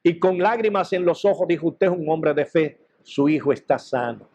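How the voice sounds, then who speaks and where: Pastor guy preaching his testimony, fervent, acts out the dialogue, kinda high-pitched. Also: normal speed, darkish tone. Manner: fervent storytelling, quotes others in dialogue. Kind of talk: testimony sermon.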